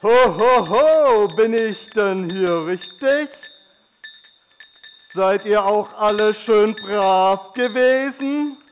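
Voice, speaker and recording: A man playing a jolly old Saint Nicholas at a church community gathering, calling out booming ho-hos and reciting verse slowly and solemnly. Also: a little hiss or hum, full character voice.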